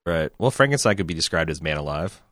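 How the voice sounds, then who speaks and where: A man co-hosting a casual podcast, chiming in with quick questions and jokes. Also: very deep voice, animated, fairly bright tone, no room sound, studio quality. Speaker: podcast co-host.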